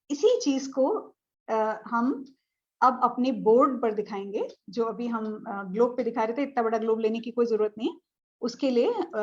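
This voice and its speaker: High-voiced woman teaching a lesson. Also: highs cut off. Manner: explains step by step with a globe, checking with ठीक है. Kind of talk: live online astronomy lesson. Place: indoor room with a board and a tablet.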